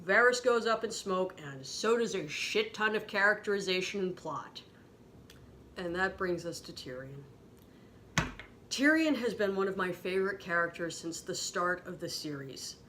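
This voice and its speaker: A woman ranting angrily and sarcastically, swearing freely, her voice jumping up high when she gets outraged. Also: animated, moderate pace, fairly bright tone, slight background noise. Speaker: podcast host ranting about a TV episode. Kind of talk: angry profane rant.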